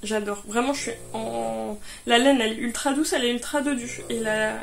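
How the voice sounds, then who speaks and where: A woman's voice: on the high side, steady tone, moderate pace, vocal fry, faint music behind. Hesitant woman knitter chatting casually. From France. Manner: hesitant, many fillers and restarts. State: tired. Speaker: knitting vlogger. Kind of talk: casual chat.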